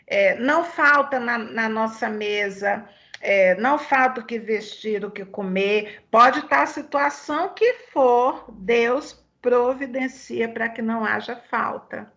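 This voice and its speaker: A woman's voice: a little high, a little slow, fairly bright tone. A woman with a Brazilian Portuguese accent leading a Bible study, chatty and fervent, sharing personal testimony in a conversational way. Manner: chatty, fervent, peppers talk with "sabe?". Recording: dull lo-fi recording.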